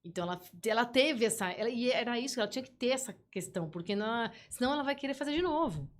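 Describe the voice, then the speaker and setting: A woman, a guest telling stories in a playful, animated way. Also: fairly high pitch, very fast. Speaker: podcast guest. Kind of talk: casual interview chat.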